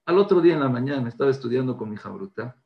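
A man's voice: mid-range voice, expressive, very fast, gravelly, lo-fi sound. A man giving an inspirational religious talk, telling a story earnestly and mixing Hebrew religious terms into his speech. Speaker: religious speaker.

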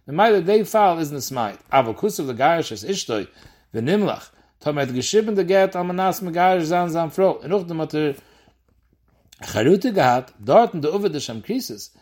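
Guy going thru a talmud page, sing-song study chant, kinda high voice. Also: animated, moderate pace, a little mellow. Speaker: Talmud teacher. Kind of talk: Talmud lesson explaining the text.

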